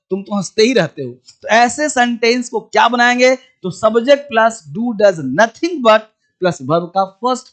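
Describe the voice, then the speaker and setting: A man's voice: extremely high pitch, fairly bright tone. A man teaching a basic English grammar lesson, calling viewers friend and brother as he drills example sentences. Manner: slow spelled-out English phrases between quick Hindi.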